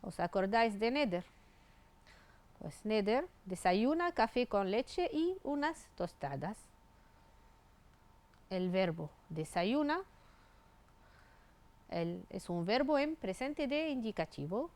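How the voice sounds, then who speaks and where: Slow, lively woman teaching a lesson. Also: medium pitch. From Tunisia. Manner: slow, clear teaching, spelling out verb endings. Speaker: Spanish teacher. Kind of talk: grammar lesson.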